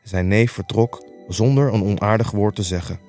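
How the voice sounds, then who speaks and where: A man reading the narration of a classic story aloud in measured, even storytelling. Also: on the low side, faint music behind. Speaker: audiobook reader. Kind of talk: scripted narration.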